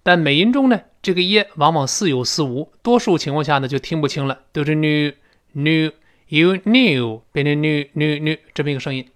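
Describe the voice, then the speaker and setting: Male English teacher with a fairly high voice, drilling phrases slowly in a recorded lesson. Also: lively intonation.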